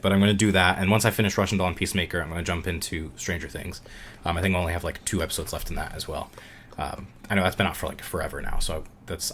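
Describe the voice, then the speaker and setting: A man's voice: low voice, a bit bright. A man co-hosting a casual podcast, talking in a rambling, laid-back way with a slightly sick voice. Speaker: podcast co-host.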